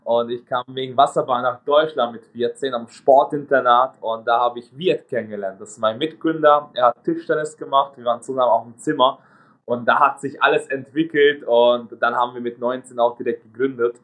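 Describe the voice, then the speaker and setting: Mann mit ungarischem Akzent im Interview. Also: male voice, mid-range voice, fairly even intonation, a little fast, a bit bright. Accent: Hungarian. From Hungary. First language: Hungarian. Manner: fluent but non-native German, tags ne, ja. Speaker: interview guest, agency co-founder. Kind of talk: casual interview talk.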